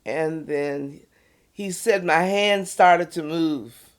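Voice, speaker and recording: An older woman being interviewed, calmly recounting a personal story and acting out the quoted voices of others. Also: low-pitched, drawn-out words, clean tone. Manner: animated retelling, voices quoted speech, soft at tense moments. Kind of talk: conversational storytelling.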